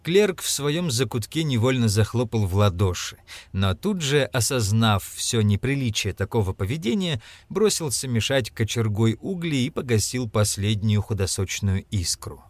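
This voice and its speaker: A man narrating an audiobook with expressive storytelling. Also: mid-range voice, normal speed, no room sound.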